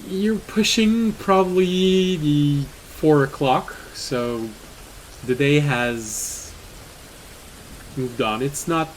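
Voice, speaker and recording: A man's voice: fairly high pitch, very slow, rough recording. A man narrating a tabletop game as game master, chatty, with fillers and laughs. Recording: faint hiss in the background.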